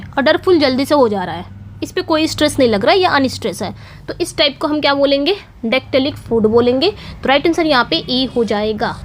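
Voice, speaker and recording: A woman's voice: sits high, slight background noise. A woman teacher explaining poetry meter in a class video, patient and repetitive, checking in with her students often. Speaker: English teacher.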